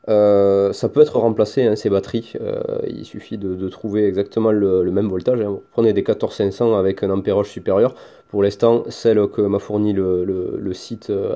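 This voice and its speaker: Man with a Toulouse accent, warm low tone, halting casual demo talk. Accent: Toulouse French. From France. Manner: hesitant, many fillers and restarts. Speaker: hobbyist showing his lightsaber. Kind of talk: casual show-and-tell.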